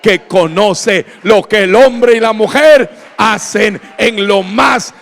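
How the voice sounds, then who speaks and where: A man with a high, slow, creaky and slightly bright voice preaches as a pastor in a large, reverberant church hall before his congregation. His Bible-study sermon is impassioned and emphatic, exhorting listeners and putting question after question to them.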